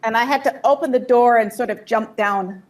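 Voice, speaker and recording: A woman telling a personal story in short, vivid bursts and pausing for an interpreter. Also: on the high side. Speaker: guest speaker. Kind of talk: personal testimony with live interpreter.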